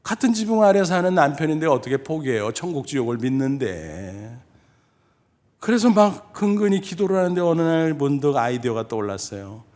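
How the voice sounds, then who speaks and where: Korean pastor preaching in a chatty style. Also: male voice, a little high, big pitch swings, a little fast, a little mellow. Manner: conversational preaching with rhetorical questions and acted inner dialogue. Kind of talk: sermon. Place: church sanctuary.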